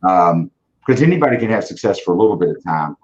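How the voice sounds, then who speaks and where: A guest in his forties who leads an auto dealership gives casual interview answers in a blunt, driven manner, often repeating words as he restarts. His low, slightly mellow voice is very animated and fast, and the audio sounds dull.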